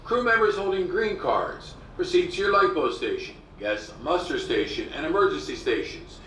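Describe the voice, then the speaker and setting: A man making a formal ship loudspeaker announcement to the crew, measured and repeating each instruction. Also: fairly high pitch, expressive. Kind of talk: formal public address. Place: heard over a ship's deck loudspeakers. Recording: echoey loudspeaker from far off, faint background noise.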